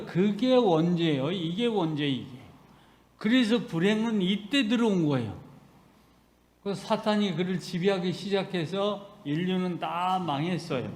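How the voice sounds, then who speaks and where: A man preaching a sermon as pastor, in a slow, conversational way, acting out dialogue. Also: on the high side, darkish tone, slight background noise. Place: church sanctuary. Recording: long hall reverb.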